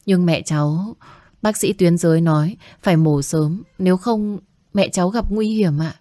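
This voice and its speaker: A humble young medical student voiced by a woman reader, pleading softly and politely. Her voice is low. The recording is dry and close. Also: moderate pace, no echo, close to an everyday voice.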